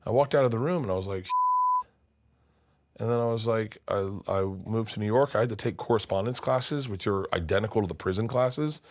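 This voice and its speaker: A comedian in his fifties telling stories as an interview guest, animated and swinging between loud and hushed. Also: fairly low pitch, fairly quick. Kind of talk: candid storytelling in conversation. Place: his studio.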